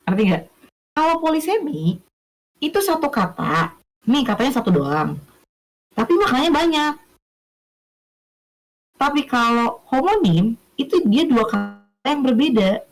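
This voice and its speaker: A woman's voice: high-pitched, very animated, unhurried, long pauses, poor audio. A young woman teaching a casual online lesson, chatty, stopping often to check that listeners follow and correcting herself as she goes. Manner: chatty, checks understanding with questions, self-corrects.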